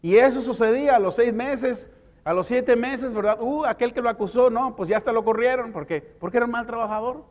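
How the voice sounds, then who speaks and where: Male pastor, high-pitched, chatty preaching style, recorded with a long echo in a hall. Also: brisk, darkish tone. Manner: conversational preaching with rhetorical questions. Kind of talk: sermon. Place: church service in a hall.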